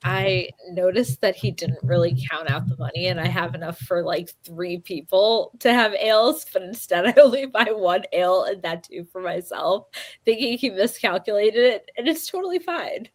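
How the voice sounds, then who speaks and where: A woman's voice: medium pitch, normal speed. A woman playing a tabletop role-playing game, describing her character's actions playfully. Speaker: player.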